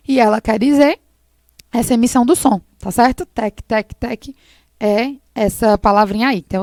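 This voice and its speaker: Woman teacher, kinda high voice, patient, repeats stuff slowly, dry close sound. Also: no echo. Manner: patient, explains slowly, repeats words for students. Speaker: English teacher. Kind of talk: recorded classroom lesson.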